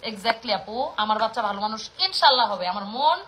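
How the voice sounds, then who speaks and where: A woman's voice: a little high, animated, quick pace, a bit bright. A woman in her thirties with a Bangladeshi Mymensingh accent, passionately scolding her viewers in a casual rant. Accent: Bangladeshi Bengali, Mymensingh. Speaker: vlogger speaking to her audience.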